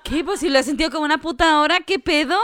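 A woman's voice: sits high, fast, fairly bright tone. A woman with a Mexican accent co-hosting a casual podcast chat, blunt and slangy, laughing often. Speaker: podcast co-host.

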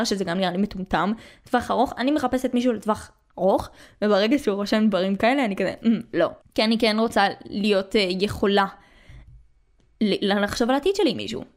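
Young Israeli woman chatting casually. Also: medium pitch. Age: early 20s. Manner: slangy, conversational, with English words mixed in. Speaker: podcast host.

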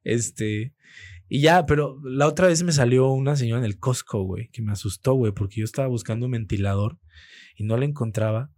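A man speaking with a Mexican Spanish accent tells animated, slang-filled stories in a relaxed podcast chat. His voice sits at a medium pitch, and he fills the talk with frequent casual fillers. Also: brisk, no room sound. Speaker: radio producer and host, guest.

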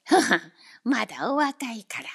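A woman's voice: high-pitched, expressive, normal speed. A woman doing a pompous, polite wildcat judge. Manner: stiffly polite, self-important.

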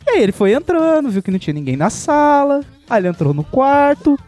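A young man tells a joke in a casual podcast chat, animated and loose with swearing. His voice sits high and leaps around. Faint music runs underneath. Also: quick pace. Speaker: podcast co-host.

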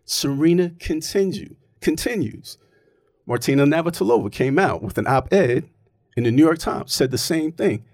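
A man's voice: a little high, expressive, moderate pace, darkish tone, no echo, clean studio sound. A man in casual, opinionated chat, arguing his point emphatically and often checking in with "right?".

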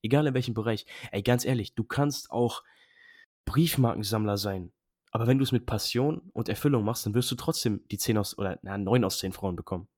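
A man's voice: lowish voice, fairly quick, darkish tone, dry recording, studio quality. A young man in casual podcast chat, talking bluntly and emphatically with lots of slang. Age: young adult.

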